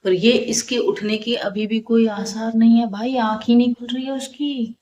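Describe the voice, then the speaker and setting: A woman's voice: fairly high pitch, fairly even intonation, normal speed, dark tone, low-quality recording. A woman, a mother, talking casually to her viewers from her home and calling them friends. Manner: chatty, keeps addressing viewers as friends. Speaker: vlogger, mother.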